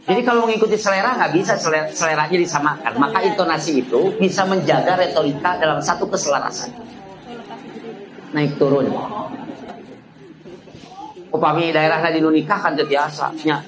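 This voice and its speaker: A man preaching with a Sundanese accent in a casual sermon, swinging his pitch high and low for effect and slipping into dialect. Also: fairly quick, long pauses, crowd noise, rough recording. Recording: live talk with ambient noise.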